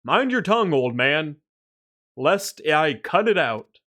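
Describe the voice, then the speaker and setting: A man's voice: on the high side, sing-song, slow pace, bright, forceful tone, heavily acted. A man playing a stern guard captain. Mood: commanding. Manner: commanding and clipped.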